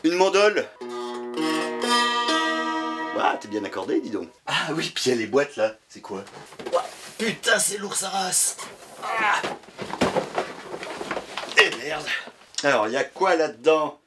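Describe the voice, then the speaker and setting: Lively-voiced man rummaging through his closet. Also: fairly high pitch, a little slow, pauses often, loud music behind the voice. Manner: rambling, swearing, self-mocking. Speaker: YouTuber. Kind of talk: casual vlog chatter. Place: cluttered apartment, clearing a closet.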